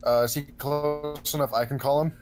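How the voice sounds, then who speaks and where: A man's voice: on the high side, fairly even intonation, normal speed, music in the background, natural voice. A man voicing a dutiful male chief tech priest, stiff and formal.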